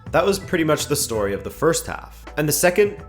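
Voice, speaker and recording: With faint music underneath, a man speaks a little fast as he hosts a daily football review, running through a scripted match report. His asides are dry and wry, his pitch swings lively, and his voice is fading slightly.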